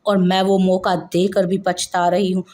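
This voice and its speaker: A woman's voice: lowish voice, completely flat delivery, moderate pace, a little mellow, close to an everyday voice. A woman voicing a heartbroken young wife who sobs and pleads yet stands firm, in a narrated audio novel. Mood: tearful defiant.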